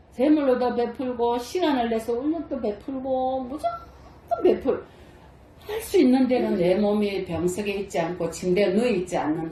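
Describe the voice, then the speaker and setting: An older Buddhist nun preaches a dharma talk in a temple hall. Her voice is mellow and swings widely in pitch as she throws question after question at her listeners. The room adds a clear echo. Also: slight background noise. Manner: lively, asks the audience many rhetorical questions. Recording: roomy echo.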